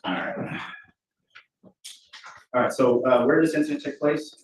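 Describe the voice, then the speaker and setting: A man's voice: medium pitch, steady tone, moderate pace, a little hiss or hum. Guy cross-examining on a courtroom recording, folksy and chatty, very echoey, mic far off. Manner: folksy, conversational questioning. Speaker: defense attorney. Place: large courtroom, indoors.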